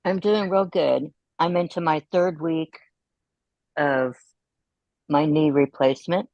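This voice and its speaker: A woman's voice: deep voice, slow, darkish tone, no room sound, dull audio. A middle-aged woman chatting casually as a guest on a video call, telling stories and laughing often. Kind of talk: casual chat.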